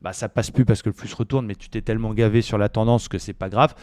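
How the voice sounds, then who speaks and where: Male trading educator, low smooth voice, casual and slangy, dry close mic. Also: fast talker, no echo. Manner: relaxed, chatty, frequent fillers, slangy asides. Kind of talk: casual market analysis video.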